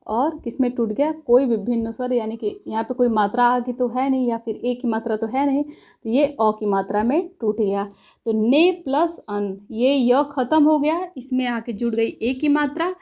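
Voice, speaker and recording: A woman's voice: a little high, dark tone, dull audio. Woman teaching step by step. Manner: explains step by step, asks herself questions; says "ठीक है" after points. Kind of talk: classroom lecture.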